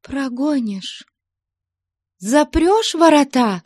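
A woman's voice: high voice, lively intonation, very slow, a little mellow, no room sound, studio quality, pitched above the performer's own voice, heavily acted. A woman voicing a young maiden who pleads emotionally to join a convent in an audiobook. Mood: pleading.

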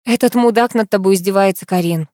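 A woman's voice: medium pitch, fast talker, mellow, no room sound, studio quality, lightly acted. A woman voicing an indignant, protective female friend who swears and speaks out angrily, in a first-person audiobook story. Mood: outraged. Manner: angry, swearing, outspoken.

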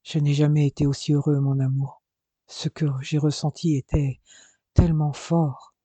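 A man voicing a soft-spoken, earnest lover. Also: a little high, level tone, normal speed, no echo, lightly acted. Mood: tender. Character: tender grown man, an ardent lover.

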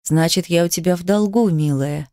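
Brief: woman reads brooding young man, soft low murmur, dry close sound, romance audiobook. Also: normal speed, no room sound, close to an everyday voice. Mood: tender.

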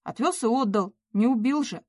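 A woman voicing a cold, controlling man who speaks calmly and curtly. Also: a little high, moderate pace, no echo, clean studio sound. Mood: cold dismissive. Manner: calm, hard and curt.

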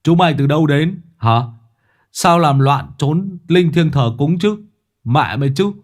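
A man voicing a rough, hot-tempered exorcist in a spoken ghost story, barking loudly at ghosts. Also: fairly high pitch, a little slow, voice pushed up, natural voice. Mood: scolding. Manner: loud, barking, rude.

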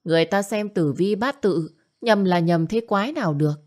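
A woman's voice: fairly low pitch, normal speed, a little mellow, natural voice. Woman doing a nagging old village mother. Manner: scolding, nagging, wailing. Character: older village mother, domineering and self-pitying.

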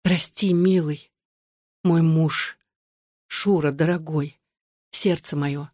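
A reader voicing a gentle young wife who pleads in soft, tearful whispers, in an audiobook. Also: female voice, lowish voice, normal speed, dry recording, studio quality, close to an everyday voice. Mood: tender. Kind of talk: audiobook dialogue.

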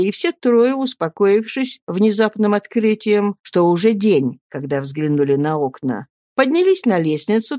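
A woman narrating a classic novel in a measured, expressive storytelling voice. Her pitch sits in a middle range, and the recording is close and dry, with no room sound. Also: no echo. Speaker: audiobook narrator. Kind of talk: scripted literary narration.

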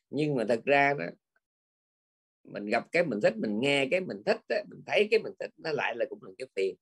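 An older man delivers a Buddhist teaching in an easy, conversational manner. His voice is husky and sits at an ordinary middle pitch. He keeps checking in with the listeners through short tag words as he explains. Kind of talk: dharma talk.

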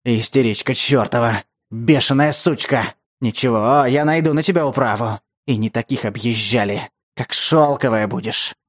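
A man voicing a lecherous, menacing older stepfather who talks in a wheedling, breathy way. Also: mid-range voice, expressive, a little slow, no echo, clean studio sound, voice pushed down. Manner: wheedling, breathy, then snarling.

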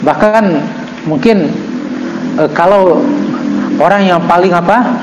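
A man teaching an Islamic book study. He reads Arabic text slowly, then explains it with joking asides. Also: high-pitched, reverberant, background noise. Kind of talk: religious book study lesson.

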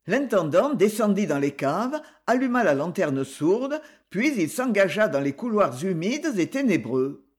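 A man narrating an adventure audiobook in an expressive, dramatic reading style. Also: high voice, unhurried. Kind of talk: scripted narration.

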